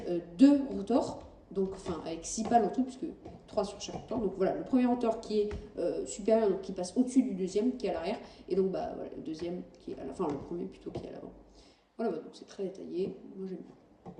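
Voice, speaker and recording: Woman chatting over game footage, lots of ums and restarts, deep mellow voice, echoey room a bit far from the mic. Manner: hesitant, many fillers and self-corrections. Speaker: gaming channel host. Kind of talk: casual game commentary. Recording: roomy, distant mic, faint background noise.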